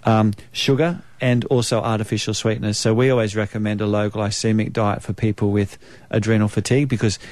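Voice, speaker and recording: A man with a New Zealand accent speaking as a naturopath guest, explaining in a measured way with frequent ums. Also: lowish voice, little pitch movement, darkish tone. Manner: measured, explanatory, many um fillers. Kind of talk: conversational expert interview.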